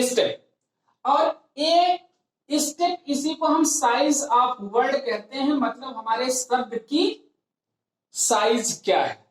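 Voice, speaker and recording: Woman teacher lecturing, keeps asking herself questions then answering, high voice, big echo. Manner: explains step by step, asking herself rhetorical questions. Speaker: English grammar teacher. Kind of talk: classroom lecture. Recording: very echoey classroom.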